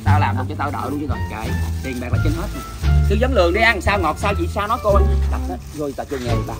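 A man runs a dried-fish shop and banters loudly through a comic sales skit, exclaiming and teasing as he goes. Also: a little high, very animated, fast talker, over loud music. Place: outdoors in the sun.

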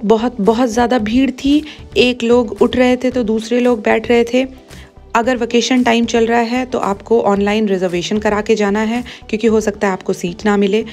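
A woman's voice: a little high, steady tone, moderate pace, a little mellow, faint music behind. A woman in her thirties narrating a casual food vlog in a chatty, upbeat way, slipping English phrases into her talk. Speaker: food vlogger.

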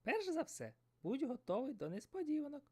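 A man's voice: extremely high pitch, huge pitch swings, fairly quick, pitched above the performer's own voice, heavily acted. A man voicing a bossy, knowing female seagull who guides the hero. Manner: bossy, urgent.

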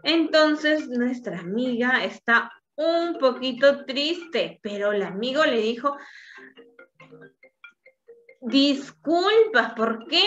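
A woman with a bright, rather high voice leads a lesson for small children, speaking slowly and patiently. She keeps checking in with the kids after almost every phrase. The recording is dull and lo-fi, with faint music underneath. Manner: coaxing, asks "¿sí?" after nearly every phrase. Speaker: preschool teacher.

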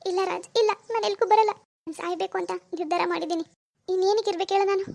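A woman's voice: very high voice, fairly even intonation, very fast, vocal fry, darkish tone. A woman voicing a heartbroken young wife in a cartoon, tearful and resigned. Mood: despairing. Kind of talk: animated cartoon dialogue.

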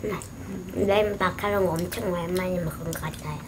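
A woman's voice: lowish voice, steady tone, moderate pace. Woman talking with her mouth full. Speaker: mukbang eater. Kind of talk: casual mukbang chat. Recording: clear background noise.

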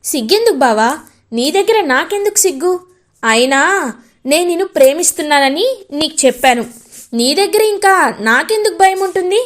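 A woman's voice: high-pitched, lively intonation, moderate pace. A woman voicing a confident, scheming young woman who openly declares she will win a man over.

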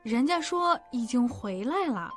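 An actress playing a sharp-tongued middle-aged wife in an audiobook drama, quick to retort. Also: female voice, fairly high pitch, expressive, soft background music. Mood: snappish. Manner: retorting, snappish. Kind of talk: audiobook radio-drama acting.

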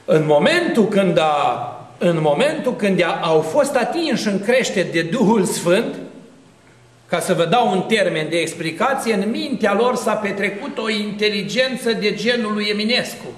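High-voiced priest preaching in an echoey hall. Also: male voice, lively intonation. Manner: emphatic, builds repeated phrases into rising cadences. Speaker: Orthodox priest. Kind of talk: sermon.

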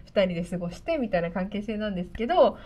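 A woman's voice: medium pitch, lively intonation, fast, dark tone, muffled recording. A woman hosting a casual chat, reviewing comics in detail and acting out bits of dialogue. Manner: chatty, acts out scenes with quoted voices.

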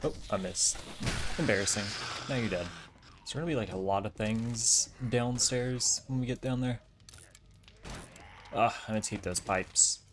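A man's voice: lowish voice, a little slow, long pauses, noisy background. A man giving casual, chatty commentary while playing a survival game, joking at himself as he loots. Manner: chatty, self-mocking, talks to himself while looting.

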